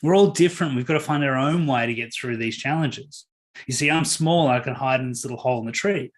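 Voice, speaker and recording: A man voicing a small, wise squirrel who gently reassures a friend in a storybook tale. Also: mid-range voice, brisk, close to an everyday voice. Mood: gentle.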